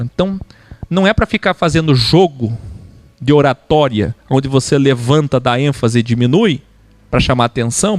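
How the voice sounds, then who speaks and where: Gravelly Brazilian man teaching animatedly. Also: fairly high pitch, no echo. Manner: animated, mimics preaching voices. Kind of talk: lecture with mimicry.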